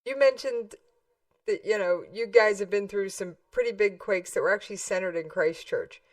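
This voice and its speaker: A woman radio host asking questions in a casual interview, lively and encouraging. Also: medium pitch, moderate pace, no room sound, distant mic.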